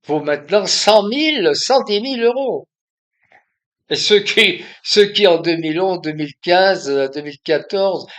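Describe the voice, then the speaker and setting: Older man from France, off-the-cuff commentary, slow and halting, slightly high voice. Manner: halting, many restarts and fillers. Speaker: video commentator. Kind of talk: impromptu monologue.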